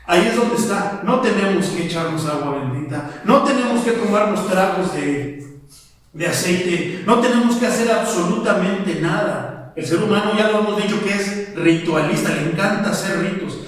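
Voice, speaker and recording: A man preaching a Bible sermon to a congregation. He reads the verses slowly and keeps asking his listeners questions. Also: sits high, animated. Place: church sanctuary. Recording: echoey church hall from far off.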